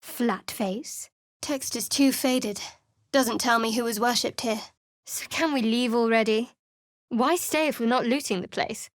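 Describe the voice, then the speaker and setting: A woman voices a guarded, sardonic young female cleric in a video game, speaking in a dry, wry, secretive way. Her natural voice is fairly high and measured in pace, recorded with no room sound.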